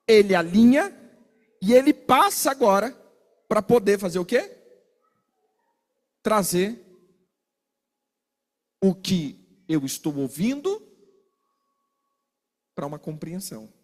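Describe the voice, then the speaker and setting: A man preaching a sermon, animated, asking his listeners questions and acting out little exchanges. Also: sits high, long reverb tail. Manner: animated, asks the congregation questions and acts out quarrels.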